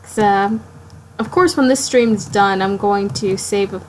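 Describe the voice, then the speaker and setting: A woman's voice: mid-range voice, poor audio. Woman streamer, tired late-night ramble, mid-range voice, faint hiss behind. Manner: rambling, halting, talks to herself while drawing. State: sleepy, yawning late at night. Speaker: art streamer. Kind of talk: casual live-stream self-talk.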